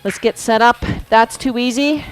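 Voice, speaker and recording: A woman's voice: fairly high pitch, steady tone, moderate pace, rough recording. A woman fitness instructor leading a core workout class, chatty and encouraging and laughing often, demonstrating moves as she talks. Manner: demonstrating moves while talking. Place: fitness studio. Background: background workout music.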